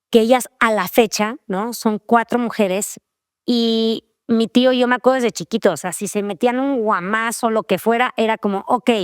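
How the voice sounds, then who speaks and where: A woman's voice: mid-range voice, clean tone, no room sound, clean studio sound. A woman co-hosting a faith-based parenting podcast, chatting casually and telling family stories. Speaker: podcast co-host.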